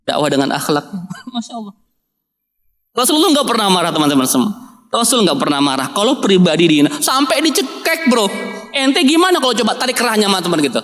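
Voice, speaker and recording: A man's voice: sits high, very animated, fast talker, a bit bright. A man preaching in a mosque, telling his story casually with slang and jokes. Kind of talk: sermon. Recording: echoey mosque hall with long reverb.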